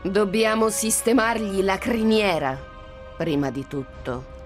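A woman voicing a cruel, mocking witch queen in a dramatic audiobook reading, slow and menacing. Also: medium pitch, expressive, faint music behind. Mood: commanding.

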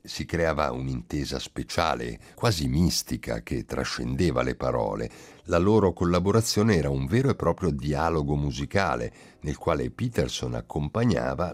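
Very deep-voiced male radio host. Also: a little mellow. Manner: measured, storytelling delivery. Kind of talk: scripted radio narration.

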